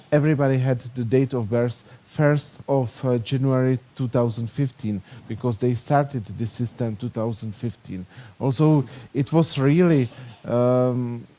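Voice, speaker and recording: At a conference panel, a man from the Czech Republic talks in broken, filler-heavy English with a noticeable Czech accent. His voice is mid-range and mellow.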